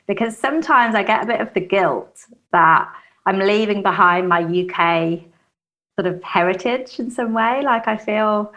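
A woman's voice: lowish voice, fairly bright tone, low-quality recording. A woman from England hosting a conversational interview, chatty and agreeing with her guest. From United Kingdom. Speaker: interview host.

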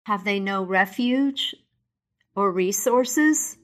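A woman's voice: medium pitch, extremely slow. A woman voicing Scrooge, an anxious old miser, asking startled, pleading questions in a storybook reading.

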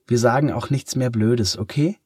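A man voicing a bold, cheeky schoolgirl who talks bluntly and eagerly in a high, childlike voice. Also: moderate pace, darkish tone, husky, no echo, studio quality, close to an everyday voice.

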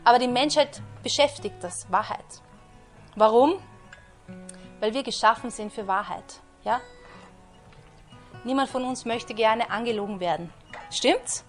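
A woman's voice: fairly high pitch, a little slow, pauses often, faint music behind. A woman preaching a conversational sermon who keeps asking her listeners rhetorical questions. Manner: chatty, asks listeners rhetorical questions, often says "you know".

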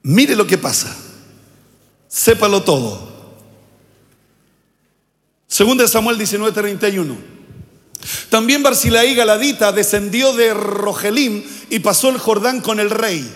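An older male pastor preaches in a very high-pitched voice, calling on the congregation to repeat his words. His sermon rings out through a church sanctuary with a long, trailing reverb. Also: expressive, a little slow, pauses often, a bit bright. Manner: preaching with call-and-response to the congregation.

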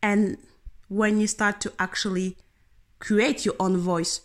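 A woman's voice: mid-range voice, slow pace. Earnest woman giving a motivational talk. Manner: earnest, animated, speaks directly to the listener. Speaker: tennis coach.

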